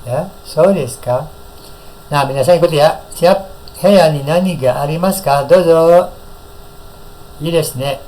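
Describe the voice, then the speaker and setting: Encouraging Indonesian man teaching slowly. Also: on the high side, darkish tone, a little hiss or hum, poor audio. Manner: encouraging, praises often, slow clear drilling of words. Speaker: Japanese language teacher. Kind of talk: classroom lesson with call-and-repeat drills.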